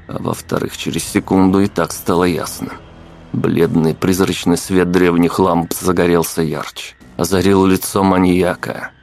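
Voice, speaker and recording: A man reading a dark first-person story in an even, measured way. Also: deep voice, creaky. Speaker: audiobook narrator. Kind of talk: scripted first-person narration.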